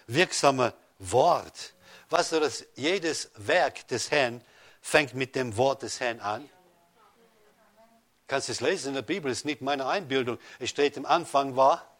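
A man preaching a sermon, addressing listeners directly with rhetorical questions and swinging between loud rises and soft drops. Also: mid-range voice. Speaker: pastor.

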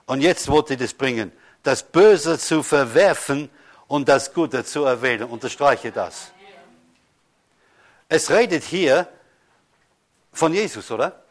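Emphatic preaching pastor, slightly high voice. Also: male voice. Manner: preaching with emphatic slow stresses and rhetorical questions. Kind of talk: sermon.

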